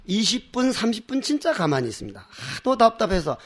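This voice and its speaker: A man's voice: sits high, very animated, brisk. An older man, a Buddhist monk giving a dharma talk with passion and emphasis, acting out the people he quotes. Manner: impassioned, emphatic; acts out quoted voices, laughs at his own stories.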